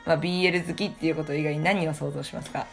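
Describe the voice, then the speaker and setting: A woman's voice: low voice, steady tone, very fast, gravelly, faint music behind. A woman hosting a casual comedy podcast as the lecturer, laughing often and complaining playfully. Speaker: podcast host playing lecturer.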